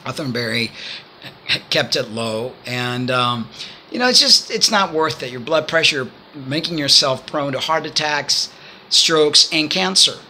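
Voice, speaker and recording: A little high and expressive, this man's sharp voice moves at an unhurried pace over faint background noise. He's a Cuban vlogger in his fifties giving casual, earnest advice from his small living room, filmed by a phone or laptop camera at arm's length.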